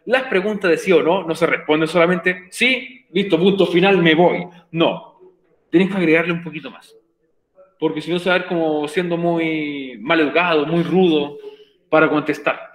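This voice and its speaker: A man's voice: a little high, fairly bright tone, echoey room, poor audio. A male English teacher giving an online class, explaining patiently and often checking that students follow. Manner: patient, repeats points, checks understanding with frequent "ok?". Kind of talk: virtual class explanation in Spanish.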